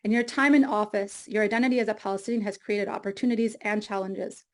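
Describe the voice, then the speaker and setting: A woman's voice: medium pitch, fairly even intonation, quick pace. A woman moderating an online meeting, reading formal introductions of panelists from a script over a video call. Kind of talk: read introductions. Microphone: computer mic on a video call.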